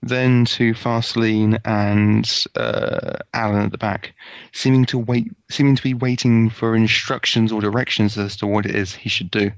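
Creaky voiced guy rpg player, deliberate descriptive narration, muffled lo-fi mic. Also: fairly low pitch, steady tone, dry recording. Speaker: tabletop game player. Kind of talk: casual chat and game narration. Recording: dull, muffled lo-fi voice audio.

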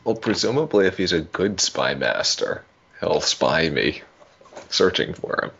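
A man with an extremely low, creaky voice plays a tabletop game in a casual, dry way. His speech is a bit husky and the sound is slightly dulled. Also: animated, a little slow, fairly bright tone, slight background noise. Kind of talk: casual in-character play. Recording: slightly muffled recording.

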